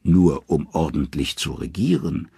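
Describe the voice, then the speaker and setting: A man's voice: extremely low pitch, sing-song, measured pace, vocal fry, mellow, slightly rough, no echo, studio quality, heavily acted. A man voicing the talking severed head of a wise old male advisor, grumbling as he explains.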